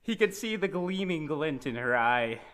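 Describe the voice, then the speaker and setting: A man's voice: on the high side, big pitch swings, normal speed, fairly bright tone. A man co-hosting a comedy podcast, reading a nonsense story aloud and laughing often. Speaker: podcast co-host.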